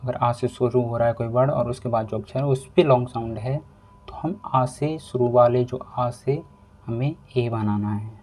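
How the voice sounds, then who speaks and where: A man teaching a pronunciation lesson, explaining rules slowly and repeating each step. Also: mid-range voice, steady tone, darkish tone. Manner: slow, repetitive explaining. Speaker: English teacher.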